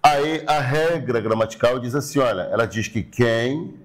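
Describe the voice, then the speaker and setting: A Brazilian man teaches a recorded online grammar lesson at a steady, explanatory pace. His voice sits in an ordinary middle pitch. He repeats key words and checks in with his listeners often. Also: normal speed. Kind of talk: recorded online class lecture.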